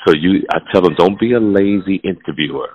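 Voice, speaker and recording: Blunt, very deep-voiced man on a tinny line. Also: brisk, breathy edge. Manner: blunt, profane, emphatic, calls listener "fam"; drops to a hushed, low murmur when telling something painful. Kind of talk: casual podcast chat. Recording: phone-like narrow sound.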